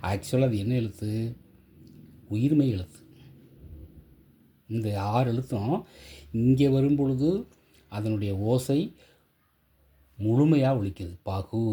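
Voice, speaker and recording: Slow, husky, dark-voiced male teacher. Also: mid-range voice. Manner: slow, repeats example words aloud for pronunciation drill. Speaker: Tamil grammar teacher. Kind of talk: classroom grammar lesson.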